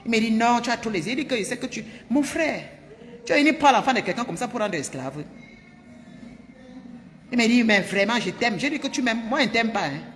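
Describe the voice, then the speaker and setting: A woman from Cameroon, telling her viewers a personal story in an animated, emphatic way and repeating herself often. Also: fairly high pitch, fairly quick, big-room sound. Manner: animated and emphatic, with frequent repetitions. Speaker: vlogger.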